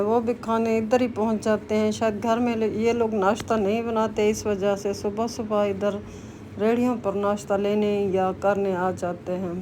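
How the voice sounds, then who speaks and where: A woman vlogger narrating her outing in a voice-over, talking directly to her viewers. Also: medium pitch. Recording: loud noise behind voice-over.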